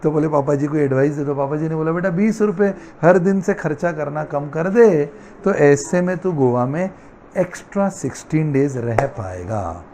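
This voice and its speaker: Man, middle-aged, lively classroom teacher, storytelling, slightly high-pitched. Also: moderate pace, slight background noise. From India. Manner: playful storytelling, acts out quoted characters. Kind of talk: classroom lecture.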